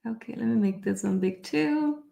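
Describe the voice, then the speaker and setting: A woman's voice: a little high, expressive, normal speed, vocal fry, mellow, roomy sound. A woman raised in Brazil, hosting a live online session as a therapist, chatty and upbeat while she sets up her screen. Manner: chatty and upbeat, thinking aloud while fixing screen sharing. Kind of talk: casual live-stream presentation.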